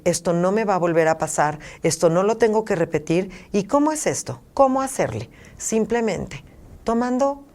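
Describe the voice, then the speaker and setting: A woman's voice: fairly low pitch, darkish tone. A middle-aged woman, a parenting therapist giving an emphatic talk full of rhetorical questions and lists.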